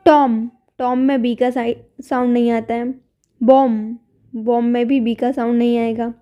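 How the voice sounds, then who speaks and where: A woman's voice: a little high, flat delivery, moderate pace, highs cut off. A woman teacher explaining English words and grammar in Hindi, patiently repeating each word and then giving its meaning.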